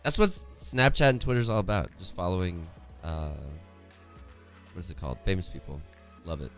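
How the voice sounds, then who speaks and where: Casting an esports match on his home stream, a young man with a hoarse, worn-out voice chats away, reads chat aloud and laughs often, close to a studio condenser mic and wearing headphones indoors. His low voice is sing-song and brisk over soft background music.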